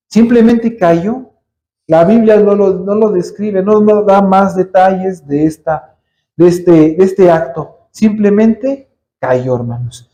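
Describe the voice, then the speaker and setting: Un predicador con acento mexicano da un sermón en una iglesia, haciendo preguntas retóricas y llamando "hermanos" a los oyentes. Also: male voice, sits high, mellow. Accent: Mexican Spanish. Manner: addresses listeners as brothers, rhetorical questions. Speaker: preacher. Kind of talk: sermon. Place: church.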